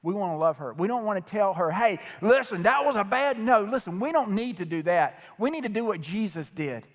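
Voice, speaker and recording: A man preaching a sermon as pastor, impassioned and repetitive, speeding up and slowing down as he gets worked up. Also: high voice, animated, darkish tone, in a large hall. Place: church sanctuary.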